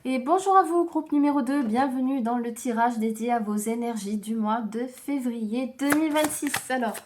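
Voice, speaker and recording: A woman giving a slow, gentle tarot reading to viewers, tired and low on energy, with frequent hesitations. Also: noisy background. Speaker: tarot card reader.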